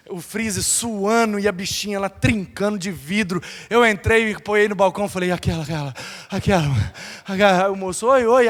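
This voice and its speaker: A man's voice: high voice, fairly bright tone, big-room sound. A male pastor with a Brazilian accent, telling a story in a sermon and acting out the dialogue and sound effects. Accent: Brazilian Portuguese. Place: church hall.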